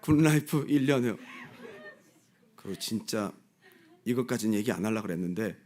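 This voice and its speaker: A male pastor preaching a sermon, asking the congregation direct questions and swinging from loud exclamations to soft asides. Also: fairly low pitch, expressive, normal speed.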